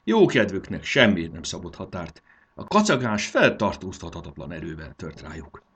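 Husky, lively male storybook narrator. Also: low-pitched, muffled recording. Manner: lively, expressive reading.

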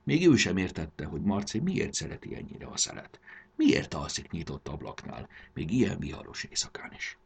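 A man narrating a children's story in a gentle, expressive reading. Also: deep voice, gravelly, breathy edge, in a whisper.

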